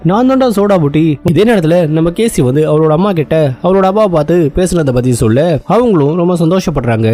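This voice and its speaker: A man's voice: fairly high pitch, expressive, fast talker, dark tone. A man retelling a drama story, narrating and acting out each character's lines himself. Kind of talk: storytelling recap, voicing every character.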